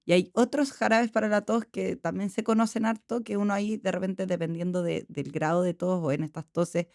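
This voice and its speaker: A woman pediatrician with a Chilean accent, calmly explaining medical matters in a casual podcast chat. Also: mid-range voice, fairly quick, dry recording, studio quality. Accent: Chilean Spanish.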